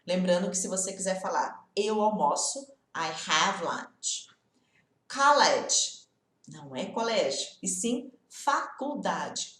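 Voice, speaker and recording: A woman's voice: fairly high pitch, reverberant. A woman with a Brazilian Portuguese accent giving a casual online English lesson, chatty and encouraging, often checking in with her students. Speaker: English teacher.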